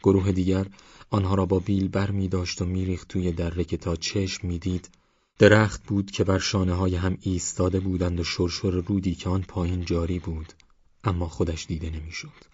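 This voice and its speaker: Male audiobook narrator, calm and even. Low, husky voice, little pitch movement, dry and slightly dull recording. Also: no room sound. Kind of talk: scripted novel narration.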